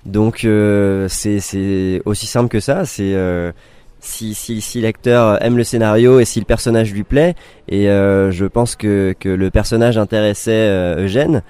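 A man, a film director guest, explaining his work in a relaxed way, with restarts and fillers. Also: fairly low pitch, measured pace, clear, resonant tone, no echo. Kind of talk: casual studio interview.

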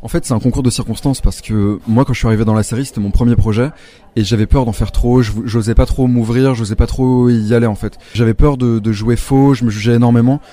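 A man's voice: medium pitch, fairly even intonation, quick pace, mellow. A young man speaking candidly and reflectively as an actor guest in a casual interview.

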